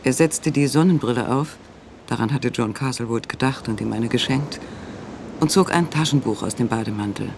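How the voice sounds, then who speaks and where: A man narrating a radio play in a calm, measured way. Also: medium pitch, creaky, background noise.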